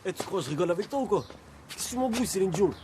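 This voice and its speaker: A fast, brash street guy. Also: sits high, expressive, noisy background. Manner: slangy, brash. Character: cocky young street guy.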